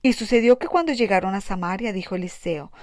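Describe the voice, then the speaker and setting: A woman reading the Bible aloud in a plain, steady way, with small restarts now and then. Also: medium pitch, quick pace, no room sound, studio quality. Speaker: Bible reader.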